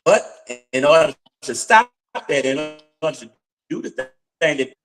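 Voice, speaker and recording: A man with a slightly high voice talks earnestly in a group discussion over a call. His connection is bad, so the voice breaks up and drops out. He often restarts his phrases. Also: animated, moderate pace, soft background music. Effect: bad connection, voice breaking up and dropping out.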